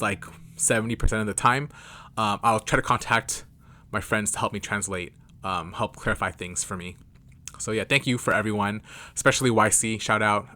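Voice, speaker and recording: Young American man, lowish voice with a crisp edge, easygoing fan vlogger who rambles. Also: pushed and bright. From California, United States. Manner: loose, rambling delivery. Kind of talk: casual to-camera chat.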